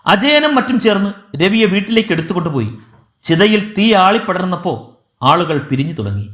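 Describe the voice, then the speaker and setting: Brief: male audiobook narrator, high and lively voice, dramatic delivery, echoey room. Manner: expressive, emotional storytelling.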